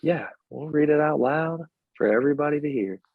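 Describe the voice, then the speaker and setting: Gravelly laid-back man co-hosting a podcast. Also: fairly high pitch, a little fast, dry recording, narrow, tinny audio. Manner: easygoing, laughs often. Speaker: podcast co-host. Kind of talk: casual chat. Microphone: remote call mic.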